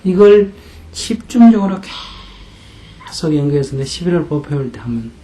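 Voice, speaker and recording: A man's voice: on the high side, big pitch swings, normal speed, mellow. A man teaching as a Buddhist teacher in a live question-and-answer talk, blunt and coaching, repeating his questions and at times dropping almost to a whisper. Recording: roomy hall sound.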